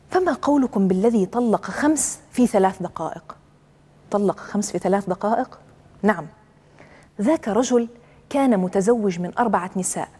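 A woman giving a measured, earnest religious talk, telling stories to make her point. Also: mid-range voice, mellow. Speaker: religious speaker.

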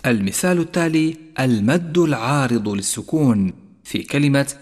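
Man teaching recitation in reverb. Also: medium pitch. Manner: calm explanatory, chants examples slowly. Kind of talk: tajweed lesson with slow recited examples. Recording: long reverb.

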